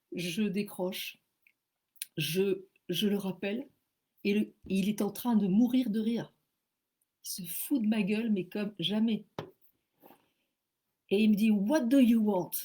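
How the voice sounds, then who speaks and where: Slow, husky-voiced French woman storyteller. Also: medium pitch. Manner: animated, stammering, self-mocking. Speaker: author telling her story. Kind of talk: casual spoken storytelling.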